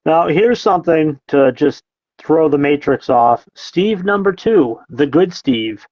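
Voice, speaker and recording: A man's voice: on the high side, expressive, slow pace, no room sound, dull audio. A man hosting a casual podcast, reading out comments and mocking them with sarcastic, profane jabs. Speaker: podcast host.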